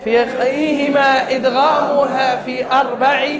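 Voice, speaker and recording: A man's voice: very high voice, flat delivery, normal speed, a loud crowd. A man with a Tunisian Arabic accent teaching a Quran recitation class, drilling the students and chanting the rules in verse.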